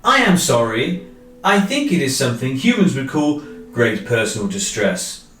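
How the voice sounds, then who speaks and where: A man's voice: medium pitch, very animated, moderate pace, a bit bright, reverberant, distant mic, faint music behind. A man doing a stiff, literal magic tower. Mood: earnest. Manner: stiff, formal, literal phrasing. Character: formal, literal-minded talking magic tower.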